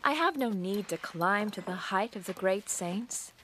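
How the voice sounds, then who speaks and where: An actress voicing a young nun's gentle, reflective voice-over narration in a film. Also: female voice, medium pitch, lively intonation, slight background noise. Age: young adult. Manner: soft, reflective, measured. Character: young nun recalling her life, gentle and devout.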